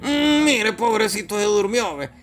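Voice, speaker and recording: A man voicing a touchy, loudmouthed male gorilla comedian who picks fights. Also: high-pitched, lively intonation, pitched above the performer's own voice. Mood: complaining. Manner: quick-tempered, threatening, indignant.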